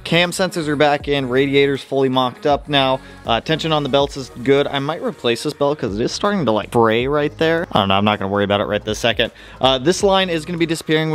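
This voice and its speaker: A man casually narrating his car build, chatty and relaxed, with slangy shop talk and frequent "uh"s, working in a garage. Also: mid-range voice.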